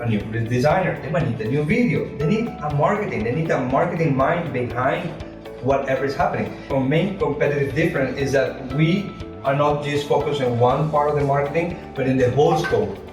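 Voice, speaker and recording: Male interviewee, English, halting explanatory delivery; distant, echoey recording with music behind. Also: mid-range voice. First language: not English. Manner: halting, repeats words, explains with rhetorical questions. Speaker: entrepreneur being interviewed. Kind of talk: interview answers.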